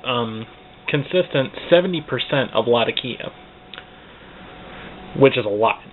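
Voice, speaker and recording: A man's voice: mid-range voice, animated, a little slow. A man giving a casual spoken product review, hesitant and searching for words as he goes. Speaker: pipe tobacco reviewer. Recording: tinny, phone-like band, clearly noisy.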